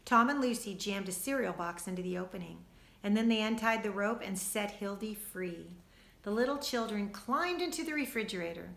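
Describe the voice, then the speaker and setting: A woman teacher reading a storybook aloud to children, expressive and speaking to them directly. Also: medium pitch, normal speed, creaky, reverberant.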